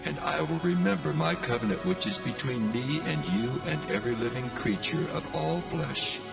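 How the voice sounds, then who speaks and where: Guy playing a solemn god in a bible audio drama, super creaky gravelly voice, music under it. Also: on the high side, normal speed. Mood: solemn, majestic. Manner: solemn, proclaiming. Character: God, solemn male deity proclaiming a covenant. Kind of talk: dramatised scripture reading.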